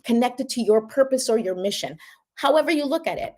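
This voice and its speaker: A woman's voice: on the high side, lively intonation, fairly quick, a little mellow. A woman hosting a casual motivational talk, encouraging listeners and often asking "right?" to check in with them. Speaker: motivational host.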